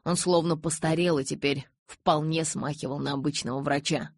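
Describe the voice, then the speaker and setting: A woman narrating a novel in the first person in an even, measured reading voice. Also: deep voice, dry recording, studio quality. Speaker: audiobook reader.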